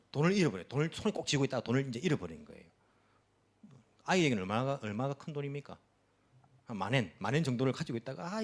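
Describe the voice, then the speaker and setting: A man's voice: medium pitch, darkish tone. A man preaching a sermon at a church service as pastor, asking the congregation rhetorical questions and explaining with everyday examples.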